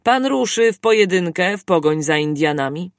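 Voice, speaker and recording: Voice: mid-range voice, lively intonation, moderate pace, dry recording, studio quality, lightly acted. A reader voicing a restless police inspector who talks in an agitated way.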